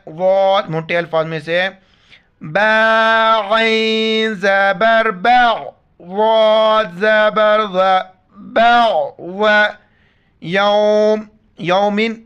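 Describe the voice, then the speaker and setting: A man teaching Quran tajweed, chanting the verse slowly and then rattling off letter-by-letter explanations in speech. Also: sits high, bright, forceful tone, smooth. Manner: slow drawn-out recitation alternating with rapid spelled-out explanation. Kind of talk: Quran recitation lesson.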